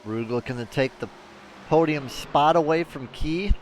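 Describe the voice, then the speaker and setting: A man giving live race commentary in a chatty, excitable way that turns analytical. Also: on the high side, unhurried, a little hiss or hum. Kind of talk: live sim racing commentary.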